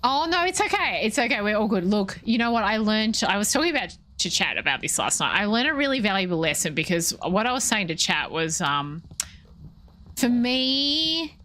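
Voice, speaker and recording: A woman's voice: mid-range voice, sing-song, a little fast, hardly any pauses, pushed and bright, slight background noise. A young woman chatting casually while streaming a game, rambling and breaking off mid-thought. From Australia. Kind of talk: casual chat while gaming live.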